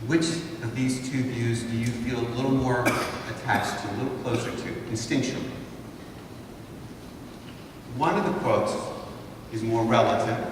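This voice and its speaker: A Honduran man in his fifties gives a guest lecture to students, using a rhetorical style that asks the audience to think. His voice is mid-range. A far camera with no visible mic catches him in a large wood-paneled indoor hall, so the audio is echoey, distant and noisy.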